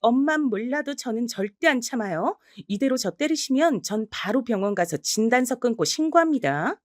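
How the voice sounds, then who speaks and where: A woman's voice: a little high, expressive, moderate pace, no echo, studio quality, pitched above the performer's own voice, lightly acted. A woman voicing a bold, outspoken teenage granddaughter who argues sharply and indignantly. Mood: defiant.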